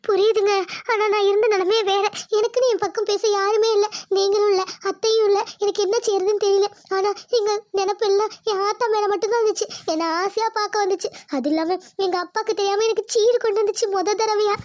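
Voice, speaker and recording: Super squeaky young cartoon wife, meek and teary, dry close sound. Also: female voice, fairly even intonation, quick pace, darkish tone, no echo, highs cut off. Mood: tearful. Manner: pleading, polite, tearful.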